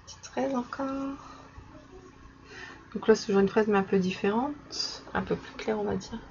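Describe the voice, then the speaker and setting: A young woman casually chatting in her vlog while showing stickers she bought, with many fillers and soft laughs. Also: medium pitch, normal speed. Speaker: vlogger. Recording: slightly dull recording with faint background noise.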